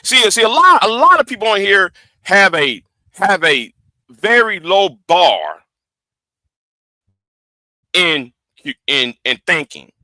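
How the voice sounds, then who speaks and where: A man's voice: sits high, big pitch swings, slow, long pauses, bright, forceful tone, dry recording. A man in his forties hosting a livestream, talking heatedly to his audience, stammering and repeating words as he defends himself. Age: 40s. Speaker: livestream host.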